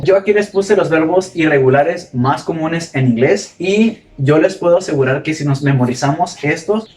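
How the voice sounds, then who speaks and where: A man teaching a classroom grammar lesson, who quizzes his students and repeats example words slowly. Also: fairly high pitch, a little mellow. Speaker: English teacher. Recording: echoey room, mic far off.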